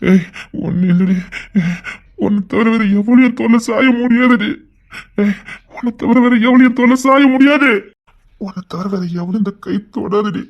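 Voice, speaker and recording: A performer voicing a devoted young husband who swears loyalty to his crying wife and scolds others loudly, in a Tamil romance audio drama. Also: mid-range voice, normal speed, muffled recording, close to an everyday voice. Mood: pleading, scolding.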